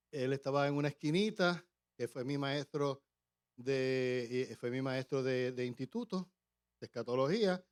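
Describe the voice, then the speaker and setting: A man preaching a testimony in church, telling the story with halting restarts and acted-out voices. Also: mid-range voice. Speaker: pastor. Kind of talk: testimony sermon.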